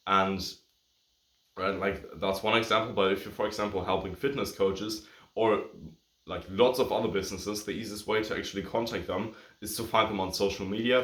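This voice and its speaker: A German-native agency coach gives casual advice to agency owners in a talking-head video, sounding a bit out of breath. His voice is fairly low in pitch with a fairly bright tone and a roomy sound, and he rambles with lots of fillers and self-corrections.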